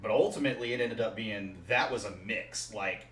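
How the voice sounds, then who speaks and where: Podcast co-host, male, animated rambling talk, roomy sound, slightly off-mic. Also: on the low side, brisk. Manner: talkative, animated recounting. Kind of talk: casual chat. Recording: roomy, distant mic with faint noise.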